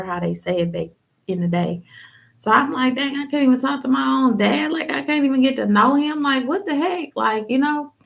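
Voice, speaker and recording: Young woman from ohio, gravelly voice, just talking through her life story real casual. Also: mid-range voice. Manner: casual, candid storytelling with slang and many fillers. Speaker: podcast host telling her testimony. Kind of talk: personal testimony on a livestream.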